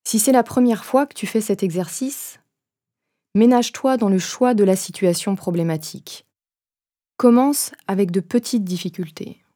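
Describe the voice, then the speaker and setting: With pauses between phrases, a woman walks listeners through a meditation, her mid-range voice soft and her instructions gentle and unhurried.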